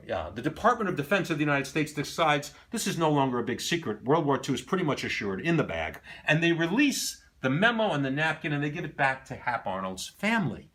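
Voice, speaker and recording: A man's voice: on the high side, fairly bright tone. A middle-aged man telling a story to a visitor about an item in his collection, acting out the quoted dialogue. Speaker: collector showing his library.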